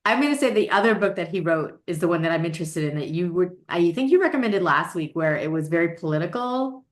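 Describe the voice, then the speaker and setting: A woman hosts a relaxed book chat, musing aloud and poking fun at herself with ready laughs. Her voice sits on the low side for a woman. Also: fast. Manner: chatty, self-deprecating, laughs often. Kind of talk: casual chat about books.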